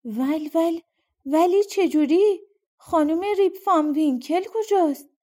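A woman's voice: on the high side, lively intonation, warm tone, close to an everyday voice. A woman reading a storybook, voicing a bewildered man who mutters to himself and stammers when confused. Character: bewildered man waking from long sleep.

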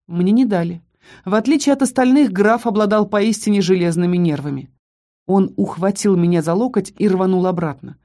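A woman's voice: mid-range voice, mellow. A woman reading a first-person fantasy novel aloud with dramatic storytelling. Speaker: audiobook narrator. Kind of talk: first-person audiobook narration.

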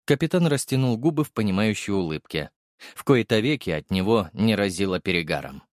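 Brief: male narrator, lowish voice, steady first-person audiobook read, dry booth sound. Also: brisk, no echo.

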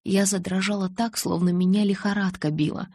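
A reader tells a novel in first person, steady and scripted. The sound is dry and close, with no room around it. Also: mid-range voice, a little fast, no room sound. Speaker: audiobook reader. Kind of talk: scripted audiobook narration.

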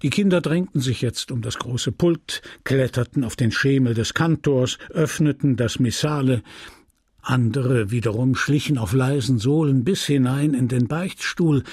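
Guy reading an old novel out loud, super husky and gravelly, takes his time. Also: mid-range voice, no room sound, studio quality. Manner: slow, measured storytelling. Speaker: audiobook reader. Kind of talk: literary audiobook narration.

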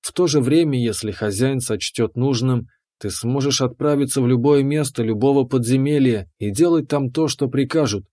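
A man voicing a devoted female lava dungeon keeper who speaks in a low, soft, purring, obedient way. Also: normal speed, no room sound, clean studio sound, lightly acted. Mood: proud. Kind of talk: audiobook character voice.

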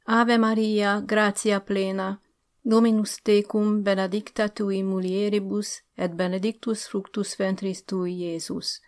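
A woman's voice: little pitch movement, natural voice. Woman doing an eager young village schoolteacher. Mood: reciting. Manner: earnest, eager, higher-pitched. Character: eager naive young female village teacher.

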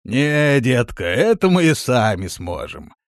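A male narrator plays a crude, cunning man who leads his group. He talks loud, bossy and mocking, in a lively voice. It is a dry, close audiobook recording. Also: medium pitch, unhurried, no echo.

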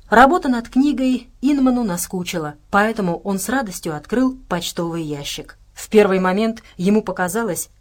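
The audiobook is read by a woman whose medium-pitched voice stays level and even as she works through the scripted text.

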